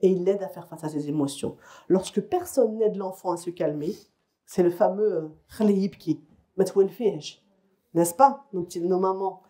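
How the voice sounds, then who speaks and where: A woman psychologist lectures parents at a conference in a lecture hall or conference room. Her voice is lowish and warm, at a moderate pace, and she explains things conversationally while often checking in with her audience.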